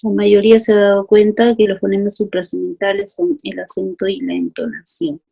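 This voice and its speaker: A woman's voice: mid-range voice, animated, brisk, vocal fry, warm tone, slightly rough, lo-fi sound. A woman teacher leading a class, calling on students by name and reading out their answers. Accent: Peruvian Spanish. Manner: calls students by name, asks for justifications.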